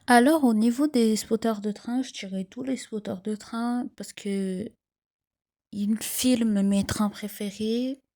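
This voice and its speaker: A woman's voice: fairly high pitch, fairly even intonation, slow pace, warm tone. A young woman with a sleepy morning voice, chatting casually and a little hesitantly in an FAQ vlog. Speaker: train enthusiast vlogger.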